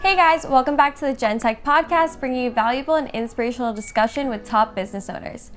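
Podcast host lady, kinda high voice, upbeat, bit of music behind her. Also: fast. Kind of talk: scripted intro and interview questions. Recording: faint music bed.

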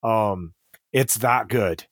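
A middle-aged man tells stories in a rambling, casual conversational style, full of fillers and restarts. His fairly low voice draws out words, recorded with studio quality and no echo.

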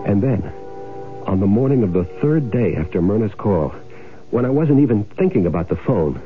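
In an old-time radio drama, an actor voices a scheming, greedy, bossy husband running an insurance swindle, narrating noir-style in the first person. He barks orders impatiently in a tense, brooding mood, his male voice on the low side, expressive and lightly acted at normal speed. The broadcast sounds muffled and old, with music behind it.

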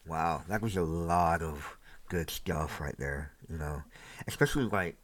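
A man's voice: very deep voice, measured pace. A man interviewing casually, asking follow-up questions with many likes and you-knows.

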